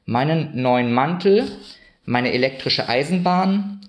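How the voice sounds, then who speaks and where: A small, shy boy from a Christmas story stammers out his words in an eager rush, as a man reading aloud puts him on. The voice is lifted above the reader's usual pitch. It is plain and unfussy, with no strong character acting. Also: animated, slow pace.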